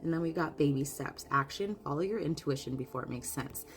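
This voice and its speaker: A woman's voice: low voice, fairly quick, soft background music. A woman giving a casual spoken oracle card reading, earnest and openly emotional, often restarting her sentences. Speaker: spiritual card reader.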